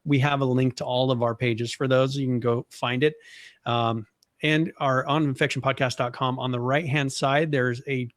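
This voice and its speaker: A man's voice: medium pitch, normal speed, no room sound. Man, podcast co-host, casual chat, rambling with fillers, dry close mic. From Boise, Idaho area of the US. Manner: relaxed, rambling with fillers and restarts.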